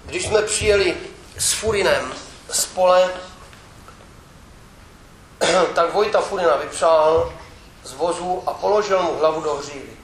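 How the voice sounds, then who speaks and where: A man reading a memoir aloud with steady, wry storytelling. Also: a little high, pauses often. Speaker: reader. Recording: echoey room with faint background noise.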